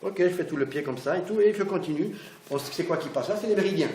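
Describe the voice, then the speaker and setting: A middle-aged man demonstrates massage technique, talking steadily to his class and checking in often. His voice sits a little high for a man. The room echoes, with a faint hum of noise behind him. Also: fast talker, a little mellow. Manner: chatty, keeps checking in with the class. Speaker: massage instructor. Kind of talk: hands-on teaching demonstration. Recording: roomy echo, faint background noise.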